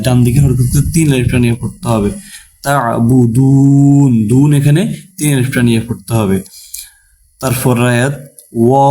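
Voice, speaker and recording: A man teaching Quran recitation step by step. He spells out each syllable, explains the rule behind it, then chants the verse with long drawn-out vowels. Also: mid-range voice, dark tone. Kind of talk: slow step-by-step recitation lesson.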